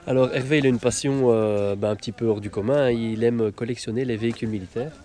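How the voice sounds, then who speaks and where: A photographer with a Belgian French accent chats enthusiastically in his vlog, laughing often while shooting photos in a misty forest. His mid-range voice is warm and steady, fairly quick, recorded on an action camera with noisy outdoor audio and soft background music.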